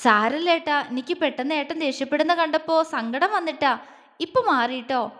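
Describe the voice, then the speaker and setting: Sweet shy young girl in a storybook voiced by a woman, high voice, long echo. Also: normal speed, fairly bright tone. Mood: sweet pleading. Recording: long echoey reverb.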